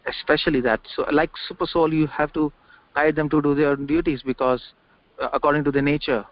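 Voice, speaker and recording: Speaking informally on scripture over a conference call line, this mid-range-voiced man repeats himself and throws out rhetorical questions. There's no echo, and the recording comes through dull and dry.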